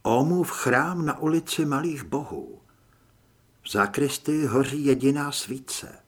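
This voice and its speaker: A man reading an audiobook in lively, dry-toned storytelling narration. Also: mid-range voice, breathy edge. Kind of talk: scripted narration.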